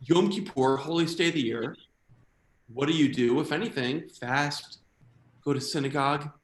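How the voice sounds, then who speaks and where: An American man performing a stand-up comedy routine, animated, slipping quickly into quoted voices. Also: fairly high pitch, reverberant. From United States.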